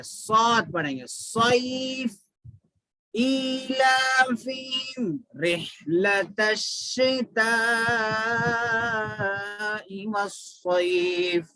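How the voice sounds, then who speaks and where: Bright high-voiced man teaching recitation. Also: no room sound, low-quality recording. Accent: Pakistani Urdu. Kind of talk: recitation lesson.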